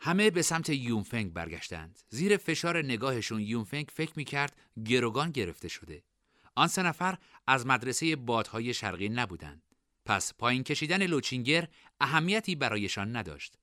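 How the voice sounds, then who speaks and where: A man narrating a novel as an audiobook, with expressive, varied storytelling. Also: mid-range voice, no echo, studio quality. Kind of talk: scripted narration.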